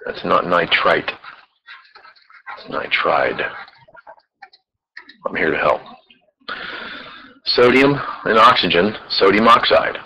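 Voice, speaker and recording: A man's voice: on the low side, lively intonation, measured pace, pauses often, pushed and bright, muffled recording. A man teaching chemistry in a recorded lecture, explaining patiently step by step.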